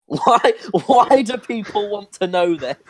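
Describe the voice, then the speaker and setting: A man's voice: high-pitched, big pitch swings, slow pace, a little hiss or hum. A man hosting a casual podcast chat, joking sarcastically and reading steps aloud. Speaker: podcast host.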